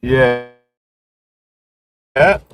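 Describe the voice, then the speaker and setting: A man's voice: mid-range voice, very slow, fairly bright tone, faint music behind. A man with a London roadman street accent, chatting casually on a livestream with lots of slang and tag questions. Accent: London, street roadman style. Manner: slangy, repetitive, punctuated with "yeah?" and "innit". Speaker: livestream host. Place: outdoors on city streets while streaming.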